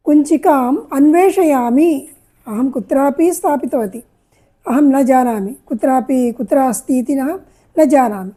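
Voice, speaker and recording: A woman's voice: sits high, warm tone, slightly rough. A woman teaching a spoken Sanskrit lesson, repeating each phrase and patiently explaining what it means.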